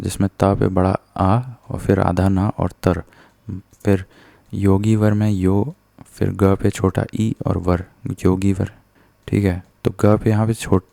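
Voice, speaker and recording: Low flat-voiced male teacher. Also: creaky, no room sound. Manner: patient, explanatory, corrects himself. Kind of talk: spelling lesson explained step by step.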